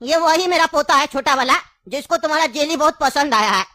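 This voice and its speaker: A woman's voice: high-pitched, brisk, pushed and bright, dry recording. A woman playing a scheming, grieving old grandfather in a comedy skit, coaxing and insistent and laughing through her lines. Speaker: comic skit actor.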